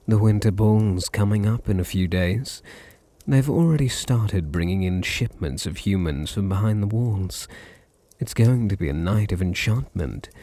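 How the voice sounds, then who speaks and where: In this intimate ASMR roleplay, a British man plays a possessive vampire master, fully in character. His deep, husky, gravelly voice moves slowly, purring with condescension while he teases softly.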